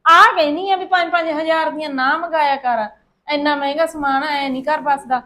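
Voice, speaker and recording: A woman's voice: sits high, steady tone, fairly quick, bright, forceful tone. An actress playing a thrifty middle-aged mother-in-law who scolds in a lecturing way, with a Punjabi accent. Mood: indignant. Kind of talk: short-film acting.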